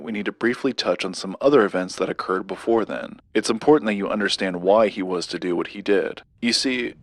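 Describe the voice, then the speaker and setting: Playing a secretive collector in an audio drama, a man with a voice that sits low recounts a dark legend. His delivery is measured and deliberate, with dramatic pauses, and the feel is measured and intriguing.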